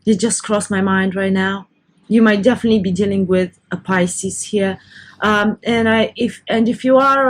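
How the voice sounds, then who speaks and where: A woman doing a casual tarot reading to camera, talking loosely with restarts and self-corrections. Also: a little high. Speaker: tarot reader.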